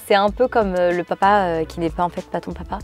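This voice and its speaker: A woman vlogger with a fairly quick voice on the low side chats casually, reading out viewers' stories and reacting to each one with animation. Faint music plays behind her.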